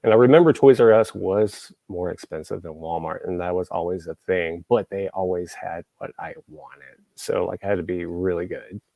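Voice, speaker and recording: An adult Texan show host who grew up in the 1980s chats casually on a podcast in a low, mellow voice with vocal fry. He moves at a moderate pace with hardly any pauses, rambling through lots of fillers and restarts. The recording has no room sound.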